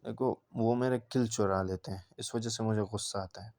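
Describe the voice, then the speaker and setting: Mellow-voiced man narrating gameplay. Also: lowish voice, fairly even intonation, normal speed. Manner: casual, talks straight to viewers in a recounting tone. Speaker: gaming channel creator. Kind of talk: gameplay commentary voice-over.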